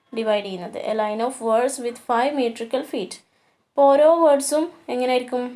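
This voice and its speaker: A woman teacher lecturing on a poem, slowing to a deliberate pace on the English lines and pausing on fillers as she explains. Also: a little high, darkish tone. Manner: switches to slow, deliberate reading for English lines; hesitant, with many fillers. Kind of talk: poetry lecture.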